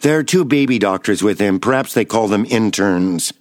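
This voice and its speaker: A man in his seventies giving a dramatic first-person reading of his memoir, blunt and profane, swinging between hushed low tones and raised outbursts. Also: animated, moderate pace, no room sound, clean studio sound. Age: 70s. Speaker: memoir reader.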